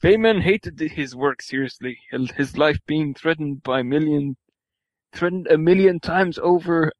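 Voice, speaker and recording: A man's voice: fairly high pitch, measured pace, dry recording, low-quality recording. A man reading fan fiction aloud for laughs, stumbling over words and swearing at the text. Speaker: reader.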